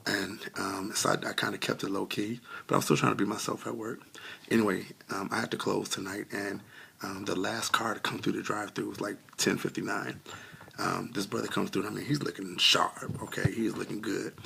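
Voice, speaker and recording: A man tells an earnest personal testimony with many ums, trying not to cry and still coughing a little. His voice is low and deeply gravelly with fry. A faint hiss of noise sits behind him. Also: flat delivery, fairly quick, pushed and bright. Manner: earnest, many fillers, on the edge of tears. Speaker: vlogger sharing a testimony. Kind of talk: casual heartfelt testimony.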